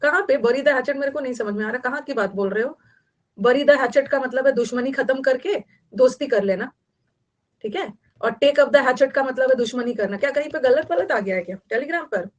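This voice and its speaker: An Indian woman teacher, likely in her thirties, leads a vocabulary lesson in a slightly higher voice. She explains words patiently and repeats each term and meaning several times. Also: moderate pace. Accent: Indian English. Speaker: English teacher. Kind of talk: online class lecture.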